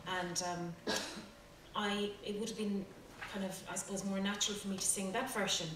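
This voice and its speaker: A woman with a west of Ireland accent, informally introducing a song to a live audience in a hesitant, halting, self-deprecating way. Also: medium pitch, steady tone. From Galway, west of Ireland. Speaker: folk singer introducing songs. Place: roomy indoor venue with audience. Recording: echoey room, distant mic, loud noise.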